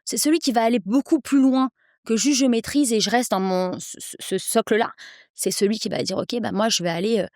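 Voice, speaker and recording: A woman in her thirties, an English coach, speaking persuasively as a podcast guest, with energetic quick bursts. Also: a little high, no echo, studio quality. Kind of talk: podcast interview.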